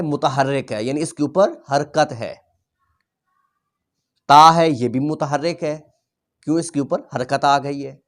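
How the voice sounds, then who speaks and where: A male Quran teacher patiently explains a reading lesson, repeating every rule and sounding out letters slowly. His voice is a little high.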